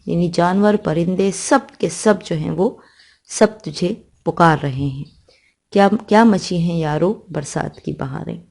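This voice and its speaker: A woman's voice: fairly low pitch, a little mellow. A woman teacher from Pakistan with a Pakistani accent, reciting verses of a poem and explaining them line by line in a school lesson.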